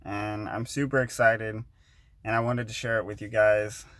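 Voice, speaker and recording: A man in his twenties with a slight lisp, chatting casually to his vlog audience, talking fast and rambling with restarts and fillers. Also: lowish voice, level tone, a bit bright, no echo. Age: 20s. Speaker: vlogger.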